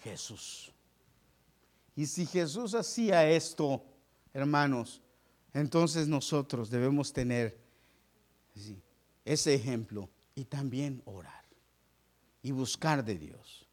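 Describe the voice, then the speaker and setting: A man's voice: medium pitch, expressive, slow pace, long pauses, darkish tone. A man preaching a sermon in an impassioned way, repeating phrases and rising and falling for emphasis.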